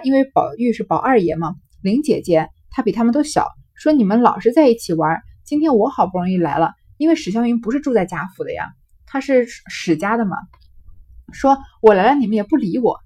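A woman's voice: a little high, a little mellow. A woman who reads a classic novel aloud, then retells and explains it in a conversational way.

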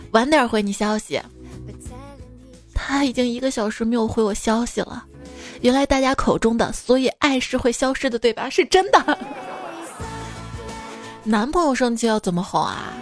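A woman's voice: on the high side, lively intonation, normal speed, pauses often, faint music behind. A woman host delivering a scripted comic monologue in a playful, teasing way, often breaking into laughter. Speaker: radio host.

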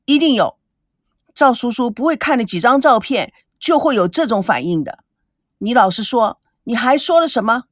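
Reading an audiobook, a woman with a fairly high, animated voice at a moderate pace plays a spoiled, angry young woman who scolds and sharply interrogates. The studio-quality recording has no room sound.

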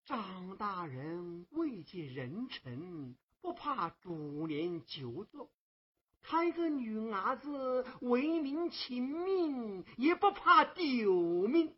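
A performer playing a soft-hearted old temple keeper, a man, in Huangmei opera, sighing and exclaiming with a breaking voice, on a dull lo-fi recording. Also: a little high, big pitch swings, extremely slow, slightly rough, exaggerated voice. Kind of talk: Huangmei opera stage acting.

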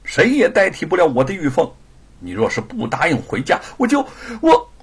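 A man's voice: fairly high pitch, huge pitch swings, moderate pace, breathy edge, pitched above the performer's own voice, full character voice. A man voicing a passionate scholar husband in an audiobook, dramatic and teasing. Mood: desperate. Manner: dramatic, swings from pleading to stern.

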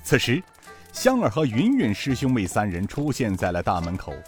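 A man narrating a serialized martial-arts story in an expressive, animated way. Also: medium pitch, moderate pace, soft background music.

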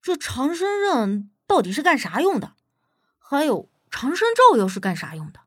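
A woman's voice: sits high, big pitch swings, normal speed, a bit bright. A woman voicing a curious, squeamish young man who asks blunt questions, in an audiobook reading.

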